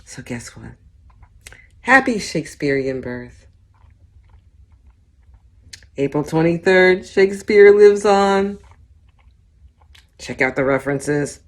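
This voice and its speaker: A woman reciting a comic verse monologue theatrically, with a dramatic delivery that moves between hushed and loud. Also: extremely low pitch, lively intonation, unhurried. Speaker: performer.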